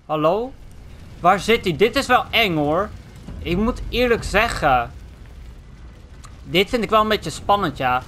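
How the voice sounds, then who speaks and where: A young man from the Netherlands giving excitable, foul-mouthed let's play commentary, tossing in English slang. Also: high-pitched, measured pace, long pauses, slight background noise. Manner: excitable, swears a lot, drops English slang. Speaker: gaming channel host.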